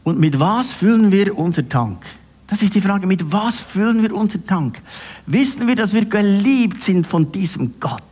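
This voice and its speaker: A man's voice: high-pitched, lively intonation, moderate pace, darkish tone, breathy edge. A middle-aged man preaching a sermon, addressing the listener directly and with emphasis.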